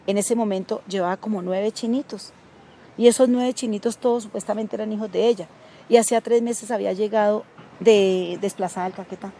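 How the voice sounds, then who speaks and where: A middle-aged Colombian woman, a community leader, telling stories in an interview and acting out the dialogue. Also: mid-range voice. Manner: animated, acts out quoted dialogue. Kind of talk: interview storytelling.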